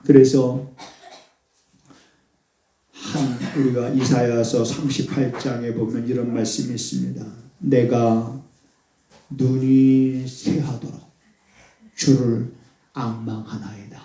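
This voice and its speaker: Korean pastor preaching in an echoey church. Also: male voice, level tone, slow, pauses often, recorded from a distance, a little hiss or hum. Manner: swings from quiet explaining to loud, high-pitched exclamations. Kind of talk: sermon. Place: church sanctuary.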